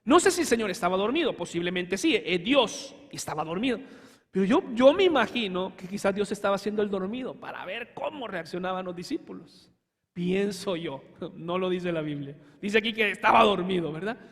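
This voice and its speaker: A man preaching a sermon as pastor, fervent, with sudden shouts and slow emphatic lines. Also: high voice, lively intonation. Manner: addresses congregation as hermano, asks for amen. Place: church sanctuary. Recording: hall reverb in a church.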